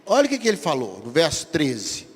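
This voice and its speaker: A man with a Brazilian Portuguese accent preaching a sermon as a pastor, acting out prayers and replies with big swings in loudness. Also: on the high side, huge pitch swings, a little fast, husky, big-room sound.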